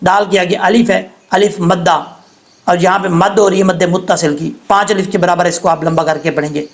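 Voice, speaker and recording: High-voiced male recitation teacher. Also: steady tone. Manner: patient, explains each letter slowly, then recites in a melodic chant. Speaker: Quran tajweed teacher. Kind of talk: step-by-step recitation lesson.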